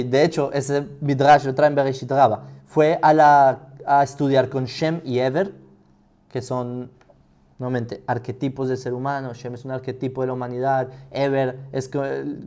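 Man teaching, mellow voice, rhetorical questions. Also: mid-range voice. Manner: thinks aloud with rhetorical questions. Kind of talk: live class answering questions.

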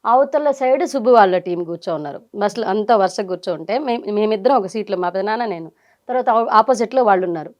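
A middle-aged woman, telling her story as an interview guest in lively bursts and quoting people as she goes. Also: medium pitch. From Nellore region, India. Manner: animated, quotes people in quick bursts.

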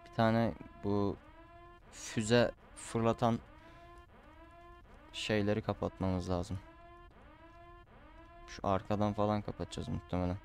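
A man's voice: on the low side, level tone, slow pace, pauses often, soft background music. Chatty man commenting a game. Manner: chatty, frustrated outbursts, calls the audience "abi". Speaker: gameplay commentator. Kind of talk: casual Let's Play commentary.

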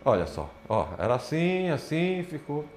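A man's voice: a little high, moderate pace, a little hiss or hum. A man giving a lecture to an audience, pointing at slides as he talks. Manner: animated, points at slides with repeated "ó, olha só". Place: lecture hall. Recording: roomy lecture hall.

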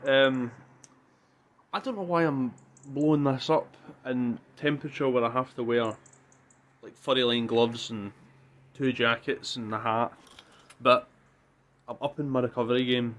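A man's voice: mid-range voice, a bit bright. A young man with a Scottish accent chatting casually to camera as a vlogger. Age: young adult. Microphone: phone at arm's length. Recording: faintly noisy phone recording.

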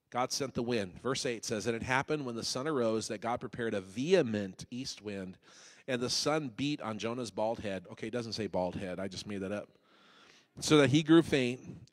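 A male pastor preaching a sermon, dramatic, swinging from loud urging to hushed pleading and acting out quoted voices. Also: medium pitch. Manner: voices God and Jonah in quoted asides.

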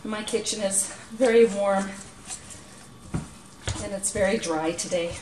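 In an echoey small home kitchen, a middle-aged woman with a mid-range voice hosts a cooking show, talking through the steps in an unhurried, practical manner. The mic is distant and the indoor space sounds roomy, full of clattering dishes, utensils and clicking noises.

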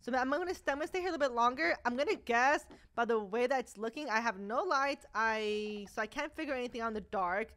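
High-voiced young woman narrating a game. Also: quick pace, few pauses, a bit bright. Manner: chatty, talks to viewers, laughs nervously. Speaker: gaming YouTuber. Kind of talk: let's play commentary.

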